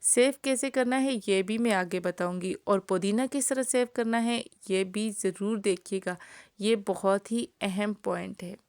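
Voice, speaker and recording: In a studio-quality, dry voice-over recorded apart from her home kitchen footage, a cooking channel host with a sore throat guides viewers step by step in a friendly manner. She talks at a measured pace with a medium, darkish, clear, and resonant voice.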